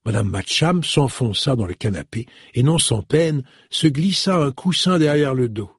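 A man narrating an audiobook chapter in an expressive, storytelling manner. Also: mid-range voice, normal speed, husky, dry recording, studio quality. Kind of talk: scripted narration.

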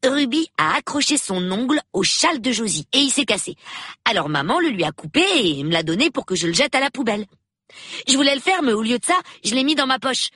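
A woman reading an audiobook, voicing a cheeky, excited young boy who chatters quickly and eagerly. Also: on the high side, no echo, clean studio sound, voice pushed up, heavily acted.

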